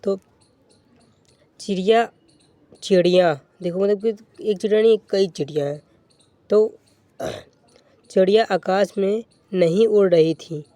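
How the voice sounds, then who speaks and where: Mellow-voiced male teacher drilling grammar rules. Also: sits high, no room sound. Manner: asks and answers own questions, repeats rules; slows right down to dictate example sentences. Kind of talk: English grammar lesson.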